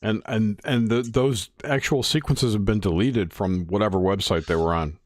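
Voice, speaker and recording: A man's voice: fairly low pitch, fairly even intonation, moderate pace, no room sound, clean studio sound. A man in casual, opinionated discussion, explaining details and adding corrections as he goes.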